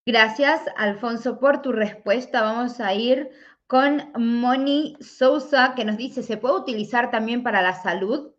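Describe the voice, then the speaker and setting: A woman's voice: fairly high pitch, unhurried. A woman hosting a live Q&A, thanking the guest briefly and reading out viewers' questions. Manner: brief courteous thanks, then reads questions aloud. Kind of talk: moderating a live Q&A. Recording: dull lo-fi sound.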